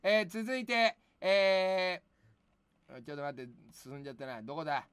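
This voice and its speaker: A man in his thirties, a comedian on a livestream, reading viewers' comments and snapping back at each one in a ranting, shouting manner, recorded in a studio. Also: high-pitched, fairly even intonation, a little slow, smooth, no echo. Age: 30s. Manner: snapping, ranting retorts with frequent shouted outbursts. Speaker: comedian streamer. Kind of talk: improvised angry comment replies on a livestream.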